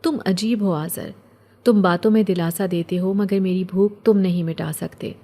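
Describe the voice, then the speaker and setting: A woman voicing a lonely, poor young orphan girl who speaks softly and plaintively. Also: medium pitch, lightly acted. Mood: wistful. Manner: soft, wistful, plaintive.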